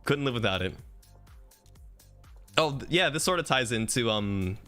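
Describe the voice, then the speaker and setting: A man hosting a casual streamer chat show, animated and laughing often. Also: medium pitch, moderate pace, soft background music. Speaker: streamer host.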